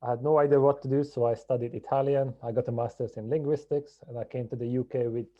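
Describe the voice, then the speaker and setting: A man from Hungary, a podcast guest telling his story in a measured, reflective way. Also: mid-range voice, steady tone, highs cut off. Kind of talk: podcast interview.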